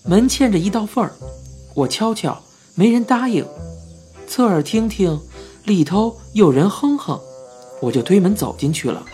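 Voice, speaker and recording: Lively children's story narrator over soft music. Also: medium pitch, normal speed, pauses often. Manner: lively, expressive storytelling in a child's first-person voice. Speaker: audiobook narrator. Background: faint background music.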